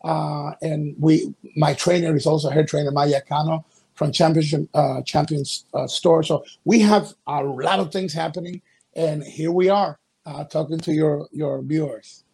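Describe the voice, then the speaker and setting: Middle-aged man from Ecuador, a touch high, breathy tone, halting storyteller. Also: steady tone, mellow. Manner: halting, many fillers and restarts. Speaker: wrestling promoter and pastor. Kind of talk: interview answers, storytelling.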